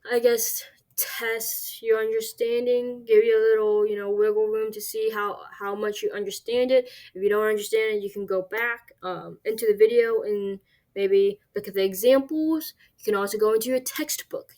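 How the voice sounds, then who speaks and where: A woman talks through a recorded language lesson at a middling pitch for her sex. She explains step by step, restarts her sentences, and keeps asking "right?" to check in. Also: steady tone, moderate pace, a little mellow. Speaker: Chinese language teacher.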